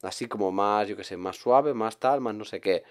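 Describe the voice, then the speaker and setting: A man's voice: on the low side, moderate pace. A man in a casual chat, thoughtful and hesitant with many fillers.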